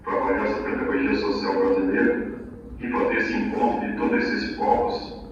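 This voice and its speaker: A man from the northeast of Brazil speaks, giving a reflective, halting personal testimony at an event and often adding "né". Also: background noise. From Northeast Brazil, Piauí backlands. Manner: reflective, halting, frequent "né" fillers. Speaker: agronomist and social pedagogy association director. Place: large hall at an event. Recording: distant, echoey hall, dull sound.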